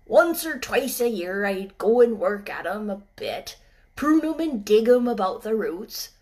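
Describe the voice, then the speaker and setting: A woman voicing a gruff, grumbling old male gardener with a put-on in an audiobook. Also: mid-range voice, very animated, unhurried, darkish tone. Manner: gruff, grunting, clipped old-fashioned speech. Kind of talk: audiobook character voice.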